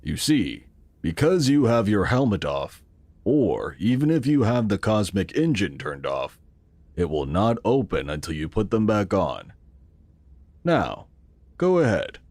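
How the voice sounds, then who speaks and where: Playing the earnest, composed founder of a futuristic city in a sci-fi audio drama, this male actor explains with measured formality. He uses a full character voice at fairly low pitch, with no room sound and an instructive feel.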